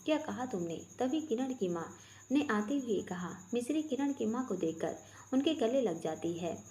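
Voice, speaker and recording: A woman reading a family story aloud in a steady, plain narration. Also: on the high side, moderate pace.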